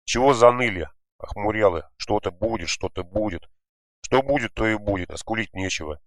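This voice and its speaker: A man voicing an angry, defiant teenage boy in a children's home, shouting and scornful, raised above his own low voice. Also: a little fast, dry recording. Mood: furious.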